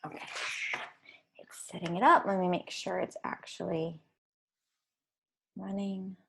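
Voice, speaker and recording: A woman organizing a webinar, briskly handling the stream setup. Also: fairly low pitch, level tone, gravelly, fairly bright tone, husky. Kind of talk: casual technical setup.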